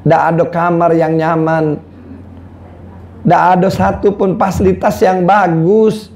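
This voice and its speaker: A man with a Palembang Malay accent preaching a sermon, swinging from loud calls to low, quiet lines. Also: gravelly, slight background noise.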